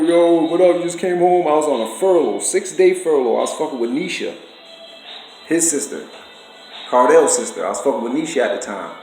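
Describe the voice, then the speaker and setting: A man's voice: mid-range voice, darkish tone, reverberant, low-quality recording. A man speaking, ranting to the camera with profane, accusatory street slang. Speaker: vlogger. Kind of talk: confrontational rant to camera.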